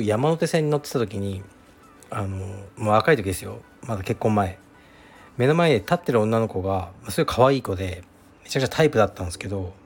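A middle-aged man from Fukuoka, hosting a casual advice monologue in a frank, musing, self-deprecating way, thinking aloud with fillers. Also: lowish voice. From Fukuoka, Japan. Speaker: podcast host answering a listener.

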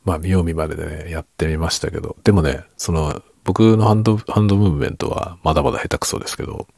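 A middle-aged man murmurs a casual late-night chat meant for sleep. His voice is extremely deep, with a gravelly fry, and often thins into a whisper as sentences trail off. It is unhurried and soft, recorded dry and close. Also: no room sound. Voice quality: husky, low murmur drifting into whisper. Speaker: podcast and ASMR creator.

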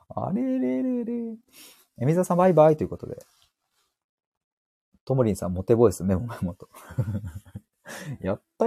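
A playful male host reads out listener comments during a live audio stream, laughing often and poking fun at himself. His voice is lowish and slightly husky, with lively swings in pitch. The sound is dry and close to the mic. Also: no room sound. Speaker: podcast host.

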